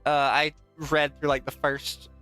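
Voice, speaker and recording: Over soft background music, a man co-hosts a casual podcast chat, frequently reading aloud in a mocking, foul-mouthed way and laughing readily. His voice is fairly high and smooth, with a level tone and a measured pace.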